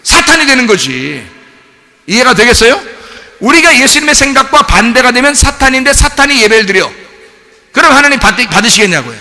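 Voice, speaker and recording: A man preaching a sermon as pastor, animated, asking the congregation rhetorical questions. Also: very high-pitched, brisk. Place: church sanctuary. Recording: long church reverb.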